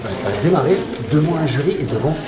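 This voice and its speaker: An adult woman coaching a student team, quickly reassuring and praising them after their presentation. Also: sits low, expressive. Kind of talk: encouraging debrief with students. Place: busy event venue. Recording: echoey, crowded event hall.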